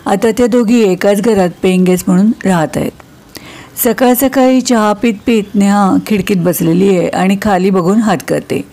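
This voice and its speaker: Woman telling a story, chatty and easy, normal pitch. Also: normal speed, dark tone. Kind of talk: storybook narration.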